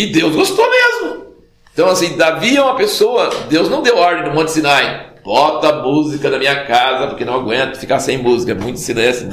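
Animated man teaching a sermon. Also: mid-range voice, slight background noise. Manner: conversational, animated, tag questions like "né?" and "entendeu?". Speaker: Bible teacher. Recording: roomy echo.

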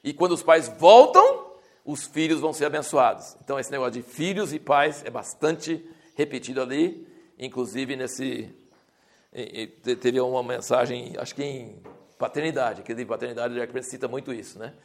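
A man's voice: mid-range voice, moderate pace. A man teaching a Bible class in a conversational, explanatory way, often restarting his sentences and rising to emphatic stretches.

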